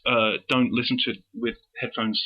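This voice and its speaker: A man's voice: mid-range voice, flat delivery, normal speed. A man co-hosting a podcast in casual chat, easygoing and a little hesitant. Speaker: podcast co-host. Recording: dull lo-fi audio.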